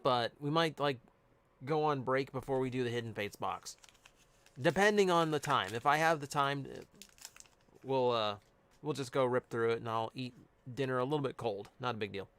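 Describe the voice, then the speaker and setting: A man's voice: mid-range voice, moderate pace, fairly bright tone, smooth. A man chatting casually on a live stream, reading out cards and answering chat. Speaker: streamer opening card packs.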